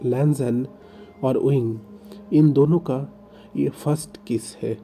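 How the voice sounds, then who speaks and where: A man narrating a romance story dramatically, emphatic and emotive with pauses. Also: mid-range voice, steady tone, vocal fry, mellow, a little hiss or hum.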